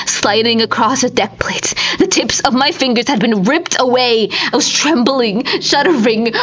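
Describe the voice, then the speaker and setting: An amateur audiobook reader, a woman with a high and somewhat bright voice, narrates a scripted horror story. Her delivery is intense and theatrical, moving between breathy whispers and strained cries.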